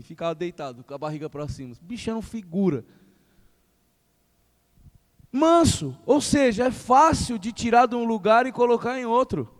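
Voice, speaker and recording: A male pastor, preaching a lively sermon that acts out everyday speech and builds to emphatic questions. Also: high voice. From Brazil. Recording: long hall reverb.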